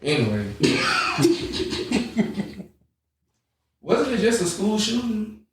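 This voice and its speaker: A man's voice: high voice, drawn-out words, distant mic, background noise. Laid-back man off-mic in an echoey room. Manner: relaxed, laughing, steering the topics. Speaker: podcast co-host. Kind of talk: casual chat.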